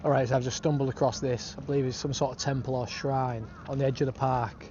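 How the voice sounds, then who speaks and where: A man's voice: medium pitch, level tone, fast. A British man chatting casually to his travel vlog outdoors, with laddish, slangy phrasing. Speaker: travel vlogger. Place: outdoors in city streets and park. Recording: dull lo-fi outdoor sound, street noise.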